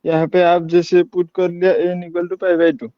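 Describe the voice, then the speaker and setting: A man on an online class call, his voice breaking up and dropping out over a dull, lo-fi line. He speaks in a fairly high, level tone with little rise and fall. He presses his question, repeating hello to check that he is still coming through. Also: completely flat delivery, moderate pace, dry recording. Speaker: student. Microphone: video call. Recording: dull lo-fi dry call audio.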